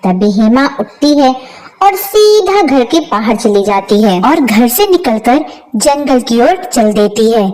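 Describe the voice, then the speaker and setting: A woman narrating a scripted storybook tale in a steady, plain way. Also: on the high side, low-quality recording.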